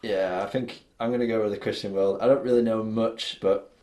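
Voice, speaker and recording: A man's voice: on the low side, steady tone, a little fast, a little mellow, reverberant. A man co-hosting a podcast in casual chat, agreeable and a little hesitant. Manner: hesitant, agreeable, lots of "yeah". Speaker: podcast co-host.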